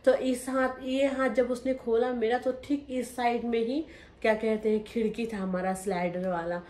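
A woman's voice: fairly high pitch, steady tone, moderate pace, darkish tone. A young woman narrating her own life story to viewers, speaking emotionally and acting out what happened. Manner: emotional, talks straight to viewers and re-enacts scenes. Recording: roomy echo.

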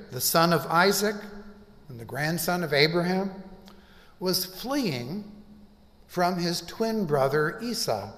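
An older man preaching a sermon from a pulpit, slow and measured with deliberate pauses. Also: a little high, fairly bright tone. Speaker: pastor. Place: church sanctuary, at a pulpit. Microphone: pulpit microphone. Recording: reverberant church hall.

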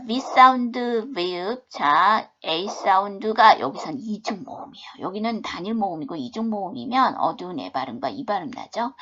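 A woman's voice: medium pitch, fairly bright tone. A woman teaching a beginners' English phonics lesson, patiently spelling out words letter by letter. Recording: dull lo-fi video-class audio.

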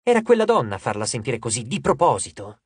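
Expressive, husky audiobook narrator. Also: mid-range voice, no room sound. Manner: expressive, measured storytelling.

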